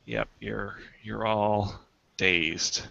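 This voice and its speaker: A man runs a tabletop game at an easy, slow pace, with a bright voice. He laughs and stumbles through the rules. The recording is dry and dull, with a lo-fi sound. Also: lowish voice, fairly even intonation, creaky, no room sound. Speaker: game master.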